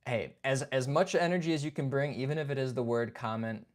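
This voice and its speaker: Brisk and mid-range in voice, the young host of this laid-back livestream chats with his audience. He reads viewer comments, calls people out by name in greeting and peppers everything with "dude" and "man."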